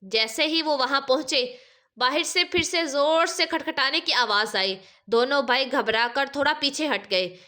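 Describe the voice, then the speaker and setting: A woman's voice: high voice, pushed and bright. A woman narrating a religious story in an emotive, dramatic way.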